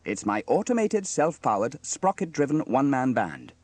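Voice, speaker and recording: A man's voice: mid-range voice, sing-song, fast talker, dry recording, pitched above the performer's own voice, close to an everyday voice. A man voicing a cheerful, kindly inventive fireman uncle with a hearty manner in a children's story. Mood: proud, cheerful. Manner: hearty, exclaiming.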